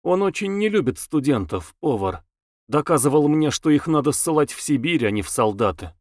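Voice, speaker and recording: A male audiobook reader voicing a weary young wife who speaks softly, thoughtfully and with dry irony. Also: fairly high pitch, big pitch swings, normal speed, no echo, voice pushed up. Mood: musing. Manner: soft, thoughtful, wryly ironic. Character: weary, ironic young wife, quiet and reflective. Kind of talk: audiobook character voice.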